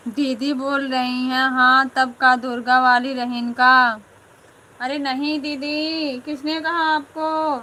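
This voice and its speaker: Chatty woman doing a live stream, bright high voice, slow unhurried talk. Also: level tone, low-quality recording. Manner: chatty, greets viewers by name. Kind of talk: casual live chat with viewers.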